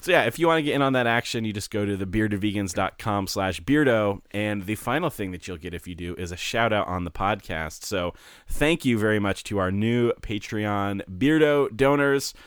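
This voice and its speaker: Low, smooth-voiced man co-hosting a podcast. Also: normal speed, dry recording, studio quality. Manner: relaxed, rambling, laughs easily. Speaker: podcast co-host. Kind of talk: casual podcast chat. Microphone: studio microphone.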